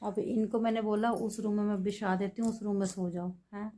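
A woman talking softly to her children and the camera at home late at night, recorded on a phone. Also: mid-range voice, flat delivery, a little fast, a loud crowd. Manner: soft, coaxing talk to children at night. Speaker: vlogger, mother. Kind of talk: casual home vlog.

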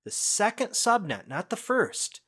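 A man narrating a screencast lesson on IT certification, explaining questions in a conversational way that speeds up and slows down for emphasis. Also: sits high, big pitch swings, fairly bright tone, breathy edge. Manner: conversational, explanatory, quick bursts then slow emphasis. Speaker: IT certification instructor.

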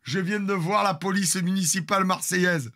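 A man's voice: sits high, steady tone, moderate pace, sharp tone. A man in his fifties telling a story in a crude, theatrical, jokey way, with asides to his chat. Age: 50s. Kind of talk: casual storytelling.

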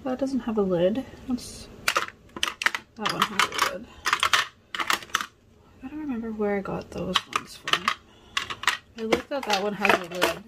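A nail vlogger in her thirties chats casually from her home studio, her mid-range voice measured and often pausing as she rambles and questions herself aloud. Background noise and clicks are clearly audible.

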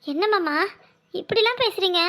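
In cartoon voice acting, a woman plays a devoted young wife, pleading and affectionate in a sing-song way. Her very high voice is bright and forceful, with lively intonation at a moderate pace, heavily acted.

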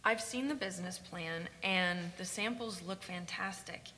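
A woman's voice: fairly low pitch, a little slow, sharp tone. A woman playing a client who politely asks to get involved in an investment. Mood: eager. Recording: film clip played in a hall, faint noise.

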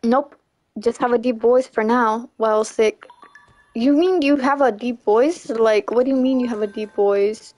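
While gaming on stream, a young woman chats easily with her audience and reads their messages, often laughing and working in "you know what I'm saying" again and again. Her slightly high voice is a little slow and mellow, with soft music in the background.

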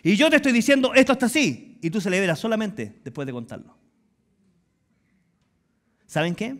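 A middle-aged man with a Chilean accent, preaching a sermon as pastor and acting out voices in lively storytelling. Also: sits high, normal speed. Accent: Chilean Spanish. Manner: animated storytelling, acts out voices and dialogue.

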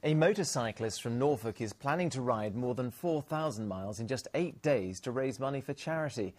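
A man reading the regional news as studio presenter in a measured delivery. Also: medium pitch, a little hiss or hum.

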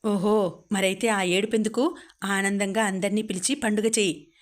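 A woman's voice: mid-range voice, steady tone, normal speed, close to an everyday voice. A woman reading a sneering cold husband. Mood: scornful. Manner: cold and mocking. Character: harsh, sneering young husband.

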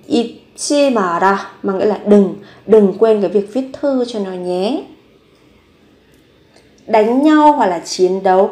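A woman's voice: medium pitch, darkish tone. Woman teaching vocabulary, echoey room. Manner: slow, careful repetition of words and sentences. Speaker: Korean language teacher. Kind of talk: vocabulary lesson, reading example sentences.

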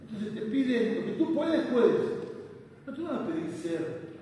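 A middle-aged man from Argentina, a rabbi giving an animated storytelling sermon in a large synagogue hall, recorded by a far camera. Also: high-pitched, measured pace, a little hiss or hum. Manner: animated storytelling with sweeping gestures.

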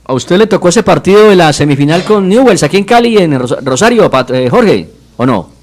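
A man hosting a sports radio show with a fairly high voice and fast delivery. He asks his guest questions in a lively, brisk way. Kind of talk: radio-studio interview.

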